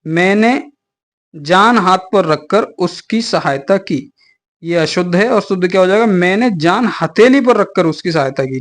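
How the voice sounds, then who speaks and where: A man with a fairly high voice teaching an online exam class. He explains patiently and casually, with many small fillers and friendly asides to his students.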